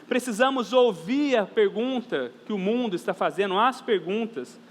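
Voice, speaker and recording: This high, expressive male voice belongs to a Brazilian Portuguese-accented pastor preaching at normal speed. Earnest and emphatic, he repeats phrases for emphasis and calls out to the brothers and sisters, with faint background noise echoing through the church hall.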